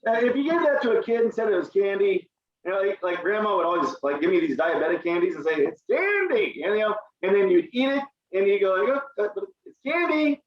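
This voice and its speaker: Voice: medium pitch, animated, fast talker, dull audio. A co-host in a casual food-tasting chat who jokes crudely and swears freely.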